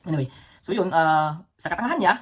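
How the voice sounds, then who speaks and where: On his casual storytelling vlog, a Cebuano-accented man from the Philippines talks fast in an animated, slightly high and somewhat bright voice. He's an adult ex-soldier with children who rambles, restarts, leans on fillers and chuckles between phrases.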